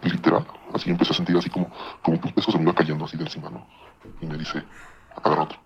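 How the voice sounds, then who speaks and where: A podcast guest with a Mexican Spanish accent tells a personal story in a very low, husky voice, talking rapidly without breaks and slipping into voices for the people he quotes. His delivery is flat and conversational. The recording sounds dull and lo-fi, with a little hiss or hum.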